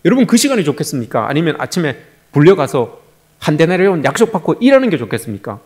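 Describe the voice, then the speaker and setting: A man's voice: a little high, sing-song, quick pace, a little mellow. A male pastor preaching a sermon, often turning to the congregation with rhetorical questions.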